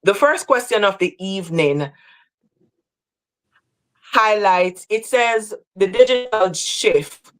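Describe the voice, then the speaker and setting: A woman from Jamaica hosting a livestream talk, speaking in an earnest, measured way. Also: medium pitch, lively intonation. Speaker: host.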